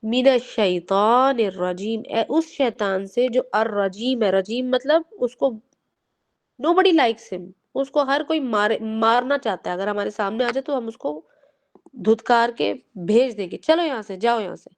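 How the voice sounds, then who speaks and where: A woman teaching a group of children in Urdu with an English-mixed Pakistani accent, explaining gently and often checking with them. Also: fairly high pitch, animated. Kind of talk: lesson for children.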